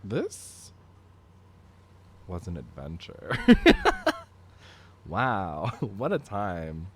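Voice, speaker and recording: Expressive Canadian game streamer. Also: male voice, sits low, very slow, a little hiss or hum. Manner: exasperated, jokey, expressive. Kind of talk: live gameplay commentary.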